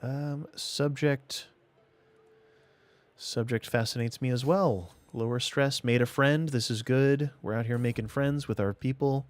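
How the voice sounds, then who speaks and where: A man streams a strategy game live, talking through his thoughts and chatting casually with himself and viewers. His mid-range voice keeps a fairly even intonation and a measured pace, and there's no echo.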